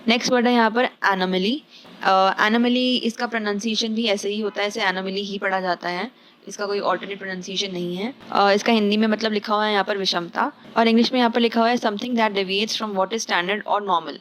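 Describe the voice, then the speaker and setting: Woman, vocabulary teacher, patient explanations, slow example sentences, faint background noise. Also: medium pitch, fairly even intonation, fairly bright tone. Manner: explains each word patiently, reads English sentences out slowly; frequent "अ" fillers. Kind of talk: Hindi-language vocabulary lesson.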